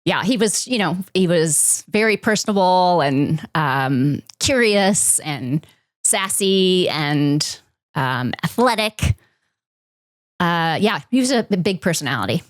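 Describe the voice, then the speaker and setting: A middle-aged woman, a podcast guest, reflectively telling a personal story with many pauses and fillers. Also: fairly low pitch, expressive, no echo, studio quality.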